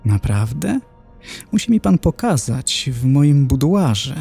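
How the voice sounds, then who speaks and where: A man's voice: mid-range voice, sing-song, slow pace, vocal fry, mellow, breathy edge, soft background music, heavily acted. A man voicing a flirtatious, cruel lady in hell, with a playful, raised tone in a horror audiobook. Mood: teasing.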